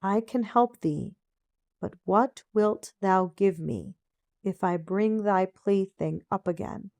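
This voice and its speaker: Woman reading as a slow, pleading storybook frog. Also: mid-range voice, creaky, darkish tone, dry recording. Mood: concerned, bargaining. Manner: archaic, deliberate speech. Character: pleading, bargaining male frog in a fairy tale. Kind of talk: storybook read-aloud.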